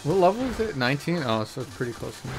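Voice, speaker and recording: A young man playing a video game on camera, joking with his co-host in a deadpan, playfully indignant way. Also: mid-range voice, very fast. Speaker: let's play player. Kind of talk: casual gameplay commentary. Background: game music.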